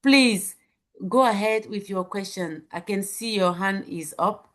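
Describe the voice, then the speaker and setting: A woman's voice: medium pitch, unhurried. A woman with a French accent facilitating an online webinar over a video call, chatty and laughing often.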